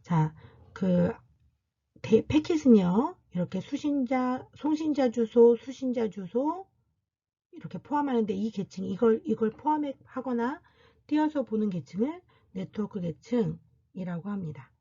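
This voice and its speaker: Woman lecturer talking thru a class, warm husky voice, dull lo-fi recording, asks stuff then answers it herself. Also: a little high, animated, unhurried. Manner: explains step by step, asks and answers her own questions. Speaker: university lecturer.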